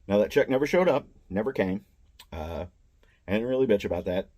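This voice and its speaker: Older man, low voice, plain-spoken and aggrieved, casual rambling storyteller. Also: animated, fairly quick, darkish tone. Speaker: mall booth vendor. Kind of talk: casual first-person storytelling.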